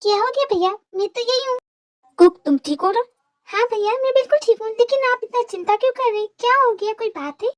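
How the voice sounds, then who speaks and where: An innocent, easily hurt young woman , voiced by a woman in a fan audio drama. Her voice is very high and rather loud, and she pleads in a bewildered way. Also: brisk. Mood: worried.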